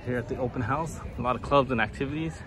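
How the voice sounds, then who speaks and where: A man's voice: mid-range voice, quick pace, crowd noise. A man giving casual, spontaneous commentary as he films a walk outdoors around a campus. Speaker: vlogger filming a campus walk-through. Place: outdoors walking around a busy university campus. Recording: outdoor ambient noise, passing vehicles.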